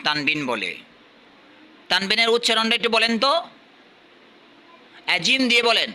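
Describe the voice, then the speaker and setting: A man from Bangladesh teaching at a madrasa, quizzing his pupils and repeating questions while urging them to answer louder. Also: high voice, sing-song, normal speed, clear, resonant tone. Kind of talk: classroom quizzing.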